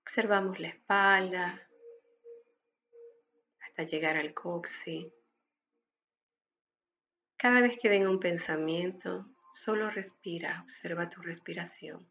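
Casting: woman meditation guide, soothing and hushed, lowish creaky voice, very slow delivery. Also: muffled recording. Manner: soft, hushed, unhurried instructions with pauses.

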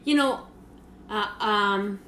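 A woman's voice: medium pitch, slow, a bit bright, a little hiss or hum. A young woman hosting her own podcast, chatting loosely, laughing at herself and swearing freely. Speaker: podcast host. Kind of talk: casual solo podcast talk.

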